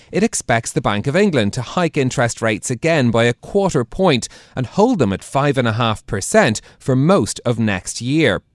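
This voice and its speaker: A man's voice: mid-range voice, no room sound, clean studio sound. A man presenting and interviewing as a broadcast news anchor.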